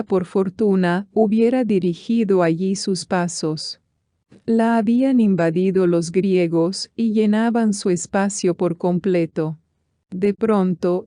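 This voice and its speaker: Woman reading old epic poem real slow, soft mellow voice, dry close sound. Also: medium pitch, no room sound. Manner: slow, measured recitation. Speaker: reader. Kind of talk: audiobook reading of epic poetry.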